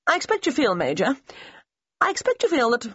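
A woman narrator voicing a brisk, unflappable female spy trainer, speaking crisply and firmly in a lifted voice. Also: high-pitched, huge pitch swings, a bit bright, no room sound, voice pushed up, full character voice. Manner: crisp, firm and clipped. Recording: slightly muffled audio.

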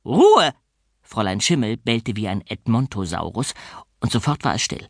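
Male audiobook narrator, children's story, expressive and animated, dry close studio sound. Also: on the low side, moderate pace, creaky, no room sound.

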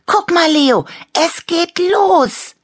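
A woman's voice: sits low, lively intonation, slow pace, fairly bright tone, breathy edge, no echo, studio quality, heavily acted. A woman voicing a jealous, pouting little toy girl with a whiny, indignant manner, in a storybook reading. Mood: excited.

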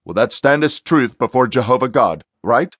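A man voicing a stern, confident male exorcist in an audiobook, delivering forceful, insistent commands. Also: medium pitch, lively intonation, moderate pace, no echo, pitched above the performer's own voice. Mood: commanding. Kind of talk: audiobook character voice.

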